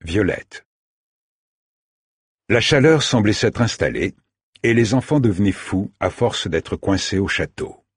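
A man reads an audiobook chapter in a measured storytelling manner. His voice is very low and husky, with a lively, widely moving pitch, and it is recorded dry and close. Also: no room sound. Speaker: audiobook narrator. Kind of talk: scripted narration.

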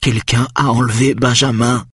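A man's voice: medium pitch, expressive, moderate pace, a bit bright, husky, no room sound, studio quality, pitched above the performer's own voice. A man voicing a distraught young mother who pleads weakly through tears in an audiobook. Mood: desperate. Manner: breathless, pleading and tearful.

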